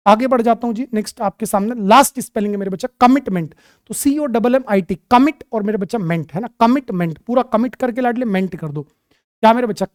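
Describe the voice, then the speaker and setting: A man with a high voice runs an exam-prep English lesson and talks to his students fondly, like a doting elder. He spells words out slowly, one letter at a time. The recording is dry, with almost no room sound. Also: dry recording. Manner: affectionate, calls students "my child" and "beta". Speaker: English teacher.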